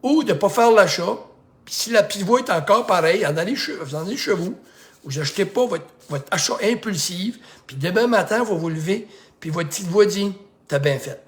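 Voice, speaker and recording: A man's voice: sits high, expressive, a little fast, a bit bright. A middle-aged man with a Québécois accent, a life coach giving a casual, rambling motivational talk that repeats itself and acts out bits of dialogue. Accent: Québécois French.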